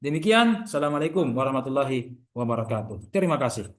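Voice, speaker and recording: A man from the region lecturing over a video call. He talks in a lively way, repeats examples and keeps asking his listeners to agree. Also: medium pitch, fast. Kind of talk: online university lecture.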